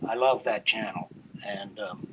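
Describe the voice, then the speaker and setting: An older man at an open mic, slowly and hesitantly introducing his short poems before reading them. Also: lowish voice, muffled recording, background noise. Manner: slow, rambling, hesitant.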